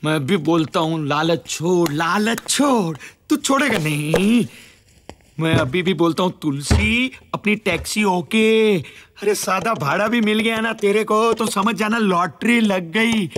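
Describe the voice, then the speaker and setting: Teasing taxi-driver pal, high and unhurried. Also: male voice, a bit bright, a little hiss or hum. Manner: teasing and jokey. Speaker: film character. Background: film score music.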